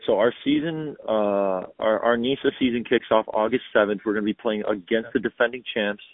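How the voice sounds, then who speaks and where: A man in his thirties, a pro soccer player talking as a podcast guest, halting and repeating words as he thinks. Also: lowish voice, dry recording. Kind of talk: casual podcast interview. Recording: tinny phone-like audio, dry.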